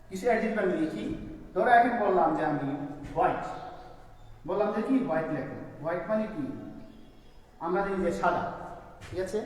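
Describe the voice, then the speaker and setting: A school teacher with a high voice walks his class through a grammar lesson step by step, asking students questions along the way. The room is echoey with long reverb, and there's a little hiss or hum.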